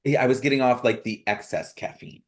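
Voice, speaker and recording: A man's voice: mid-range voice, fairly even intonation, brisk. A man co-hosting a podcast in casual chat, dropping dry joking asides. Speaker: podcast co-host.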